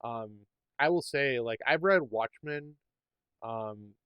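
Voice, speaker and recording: A man's voice: mid-range voice, lively intonation, slow pace, smooth, no echo, highs cut off. A man co-hosting a podcast, chatting casually and rambling with lots of fillers and restarts. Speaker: podcast co-host. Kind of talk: casual chat.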